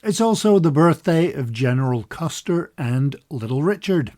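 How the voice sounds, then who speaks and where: A man's voice: a little high, lively intonation, normal speed, warm tone. A man hosting a walking podcast, reading a news roundup with dry humour and then introducing his guest. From Scotland. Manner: upbeat, conversational, dry humour. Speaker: podcast host.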